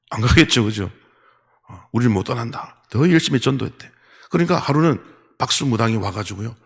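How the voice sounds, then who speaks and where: A man's voice: medium pitch, creaky, breathy edge. Male pastor telling a story in a sermon. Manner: animated storytelling, rhetorical questions to the congregation. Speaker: senior pastor. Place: church sanctuary.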